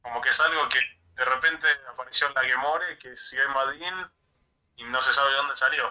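A man's voice: medium pitch, fairly even intonation, moderate pace, sharp tone. A man joining a Torah study session, raising questions and objections, heard over a phone line. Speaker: study partner. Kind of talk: questioning discussion.

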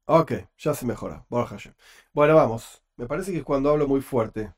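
A medium-pitched man with a Rioplatense Spanish accent teaches a Torah class online. He talks quickly into a computer microphone, tossing in joking asides.

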